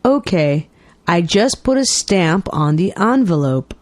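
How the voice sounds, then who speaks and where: A woman reading everyday dialogues aloud for English learners with clear, deliberate enunciation. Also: on the low side, lively intonation, darkish tone, no room sound. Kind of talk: slow scripted dialogue reading.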